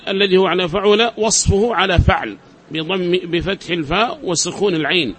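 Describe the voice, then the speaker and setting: A man's voice: high voice, a bit bright. A man teaching a class, explaining step by step, repeating examples and quizzing his students. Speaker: teacher of Arabic grammar. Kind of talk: classroom lecture.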